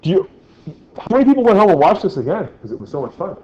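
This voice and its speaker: A fast-talking male teacher with a high, darkish voice and big pitch swings lectures his class. He's jokey and constantly checks in with "right?", heard through an echoey, dull, lo-fi classroom recording.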